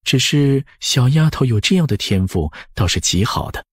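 A man reads scripted audiobook narration in a husky, medium-pitched voice at normal speed. His intonation is lively and moves widely, and the sound is dry and close with no echo.

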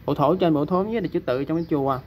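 A man's voice: fairly high pitch, fast, a little mellow, a little hiss or hum. A man with a Southern Vietnamese accent teaching kanji step by step, patiently checking in with his listeners as he explains. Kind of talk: step-by-step lesson.

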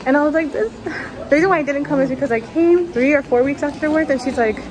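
A woman's voice: sits high, fast, crowd noise, low-quality recording. A young woman in her twenties chatting casually to a handheld camera as she walks through streets and shops, giggly and full of fillers. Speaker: vlogger. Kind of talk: casual vlog chat to camera. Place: home kitchen, then streets, subway station and shops. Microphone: handheld camera at arm's length.

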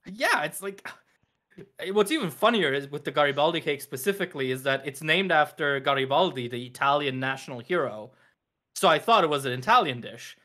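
A man's voice: a little high, expressive, fairly quick, sharp tone. A man co-hosting a podcast, chatting casually, laughing often and drifting into tangents. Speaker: podcast co-host. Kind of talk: casual chat.

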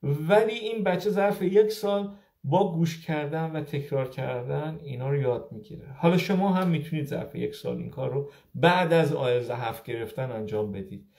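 A man's voice: on the high side, vocal fry, a little mellow. A man in his fifties from Iran, an optometrist giving casual advice on a live stream, asking rhetorical questions and repeating key points for emphasis. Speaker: optometrist sharing migration advice.

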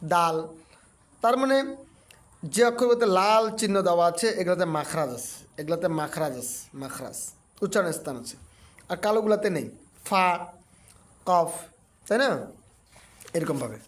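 A man teaching Quran reading in Bengali. He talks slowly and repeats himself, sounding out each letter syllable by syllable. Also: sits high. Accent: Bangladeshi Bengali. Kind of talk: step-by-step spoken lesson.

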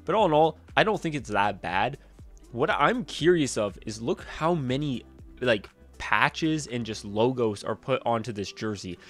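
In a small room, a young man in his twenties speaks into a boom-arm desk mic, offering animated, opinionated vlog commentary on hockey jerseys. His mid-range voice moves at a measured pace and sounds slightly congested from a cold. Soft background music accompanies him.

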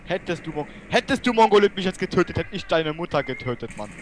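A man raging and swearing at opponents while playing an online shooter, yelling in outbursts and muttering low in between. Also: sing-song, fast, a little hiss or hum. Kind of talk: raging gameplay commentary.

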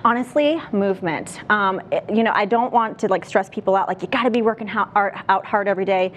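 A woman's voice: medium pitch, fast, a little hiss or hum. Upbeat woman fitness coach on TV. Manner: upbeat, explaining tips. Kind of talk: TV studio demonstration. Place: TV studio set.

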